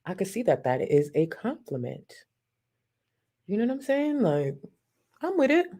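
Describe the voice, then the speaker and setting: A woman streams live, reacting to a video and reading super chats with cheeky, profane, mocking commentary broken up by frequent laughter. Her warm, mid-range voice moves through big pitch swings at a normal speed. The talk is casual livestream banter.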